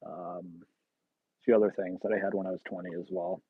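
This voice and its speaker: A man's voice: low voice, flat delivery, fairly quick, noisy background. A man in his thirties hosting a casual livestream, joking and rambling with viewers in a self-teasing way. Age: 30s. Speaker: livestream host. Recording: tinny phone-like, dry sound.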